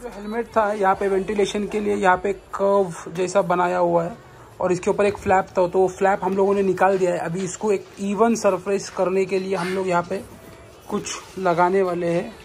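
High-voiced chatty male vlogger. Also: level tone, normal speed, gravelly, slight background noise. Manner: chatty and joking, addresses viewers directly. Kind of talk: casual vlog chat.

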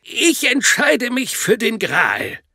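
A man voicing an impatient, grudging male professor, pitched higher than the narration, in an audiobook. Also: sing-song, takes it slowly, pushed and bright, dry recording, clean studio sound, exaggerated voice. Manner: grudging and reluctant.

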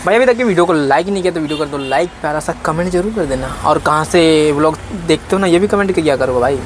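A young man in his 20s, a truck-driving vlogger, chats casually with his viewers, calling them "brother." His voice is fairly high, expressive and fast. He films on a phone held at arm's length from his parked cab and the roadside, where traffic, vehicle noise and urban street sounds come through clearly.

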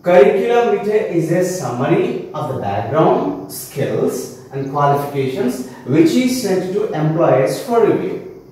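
A man's voice: on the high side, very animated, measured pace, dark tone. A man with a Telangana Indian English accent giving an online English lesson, asking and answering his own questions and repeating definitions. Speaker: English teacher. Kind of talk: online class lecture. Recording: very echoey room, mic far off.

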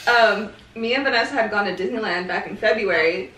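Bright-voiced woman, roomy and distant. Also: medium pitch, a little fast. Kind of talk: casual chat among friends.

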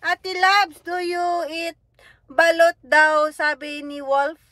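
A woman hosts a casual livestream, teasing her viewers and giggling as she reads out their comments. Her voice sits very high and bright, and she speaks slowly. The sound is dry and close. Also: steady tone, dry recording. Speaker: livestream host.

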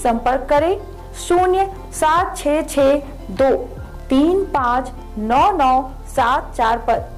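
A woman narrates a scripted advertisement. Her voice is high, with faint music underneath. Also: slow pace, rough recording. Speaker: advertisement voice-over.

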